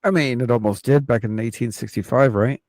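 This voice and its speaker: A man's voice: mid-range voice, brisk, darkish tone, no echo, rough recording. A man co-hosting a podcast, mostly agreeing and adding short remarks, with some swearing. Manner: agreeable, chiming in with short replies. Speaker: podcast co-host. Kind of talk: casual chat.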